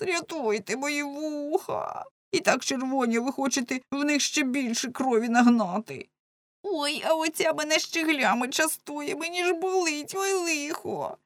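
A woman's voice: high voice, dry recording, pitched above the performer's own voice. A woman voicing a plump, flustered middle-aged man who whines and protests indignantly. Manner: indignant, whining.

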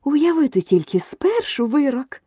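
A woman reading aloud, voicing a bold young girl in a storybook who talks high, loud and outspoken. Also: big pitch swings, measured pace, no echo, clean studio sound. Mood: indignant.

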